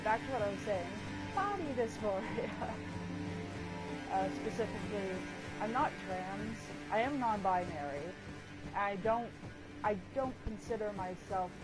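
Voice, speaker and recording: In this low-quality clip, a woman with a mid-range voice offers loose, rambling commentary while gaming, with game music in the background. A gaming video creator, she curses freely and keeps interrupting herself with startled outbursts.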